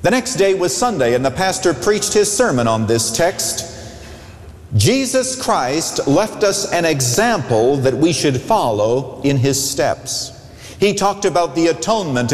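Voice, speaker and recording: Man preaching at a pulpit microphone. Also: high-pitched. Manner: storytelling, lively and expressive. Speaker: pastor. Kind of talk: sermon. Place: large church sanctuary. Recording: echoey church hall with long reverb.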